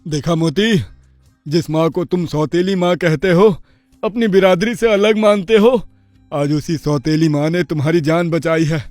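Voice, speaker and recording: A man voicing a patient, fatherly bull who reasons calmly with his son in a cartoon story. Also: a little high, measured pace, dry recording, faint music behind, lightly acted. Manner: calm and persuading.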